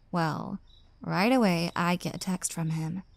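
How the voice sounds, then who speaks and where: Slow, low-leaning and full of vocal fry, this woman's voice comes through with no echo. She performs a roleplay audio drama as an exasperated young single woman, ranting in an intimate monologue about a bad date with sarcastic asides.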